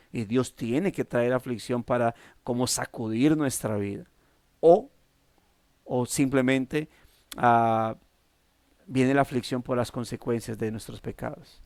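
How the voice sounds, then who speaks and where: A man with a Colombian accent preaching a devotional sermon, halting with many restarts and fillers. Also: mid-range voice, smooth, no echo. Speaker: pastor.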